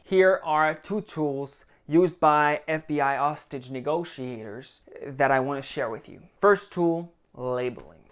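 A man's voice: on the high side, smooth. A young man talks straight to his viewers in a motivational advice monologue. His delivery is blunt and peppered with profanity, like a coach giving a pep talk.

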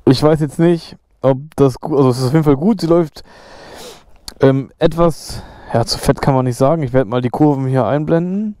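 Riding his motorcycle through the rain, a young man vlogs in a relaxed chat packed with slang, cursing, and laughs. His voice is on the high side and a bit quick, and heavy engine and road noise runs under it.

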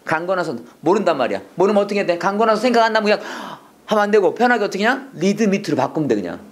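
Speaking rapid-fire in a very animated medium-pitched voice, a Korean teacher runs call-and-response drills on English prayer phrases. Students repeat each line after the speaker in this classroom lesson.

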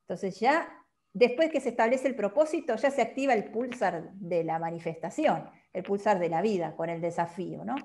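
At a moderate pace, a woman with a medium-pitched, slightly mellow voice patiently explains a calendar system. She is a guest teacher who likes to finish points with a questioning tag.

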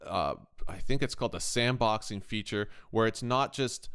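This indoor screen-recording voice-over features a man whose smooth, fairly bright voice sits on the low side at a moderate pace. He runs a casual music production tutorial, talking through his thoughts out loud and regularly checking in with whoever is watching.

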